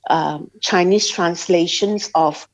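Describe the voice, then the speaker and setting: A Singaporean woman appears as an interview guest to tell her personal faith story, speaking haltingly with many pauses and restarts. Her voice is lowish, and the lo-fi recording sounds slightly dull.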